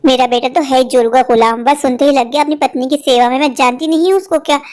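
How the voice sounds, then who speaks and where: A woman doing a shrill nagging mother-in-law. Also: fairly even intonation, fast, close to an everyday voice. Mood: scolding. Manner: scolding, shouting for the daughters-in-law, complaining. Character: nagging scheming older mother-in-law, sharp-tongued. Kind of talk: cartoon voice acting.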